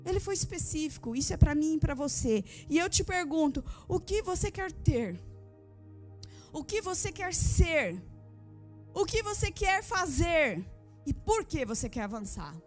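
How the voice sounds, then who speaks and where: A woman pastor with a notably high voice preaches a fervent sermon, repeating key phrases and firing rhetorical questions at the women of her congregation. Soft music plays faintly behind her in the church. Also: very animated, unhurried. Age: adult with a daughter. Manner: addresses the women of the congregation directly. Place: church service.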